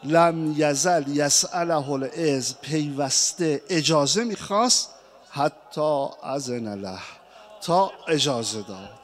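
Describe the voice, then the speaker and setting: A man's voice: fairly high pitch, animated, a little hiss or hum. A man delivering an impassioned, mournful sermon recitation as a preacher. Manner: impassioned, mournful, rising to cries.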